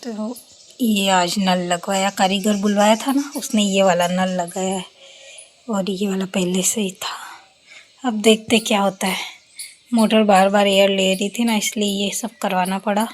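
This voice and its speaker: A woman's voice: mid-range voice, fairly even intonation, moderate pace. A young woman, chatting casually at home as she explains her household chores step by step. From India. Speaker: vlogger. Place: home, indoors.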